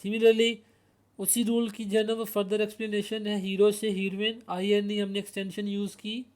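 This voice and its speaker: A man's voice: sits high, little pitch movement, moderate pace. A man with a Pakistani accent teaching English grammar, explaining word pairs and asking himself rhetorical questions. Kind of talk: explanatory lesson.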